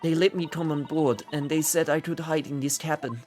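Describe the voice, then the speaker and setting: A man's voice: a little high, fairly even intonation, fairly quick, a little mellow, faint music behind, lightly acted. A man playing a dramatic young ballerina. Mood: pleading, dramatic. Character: young Russian ballerina runaway, dramatic and pleading. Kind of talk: video game voice-over read aloud.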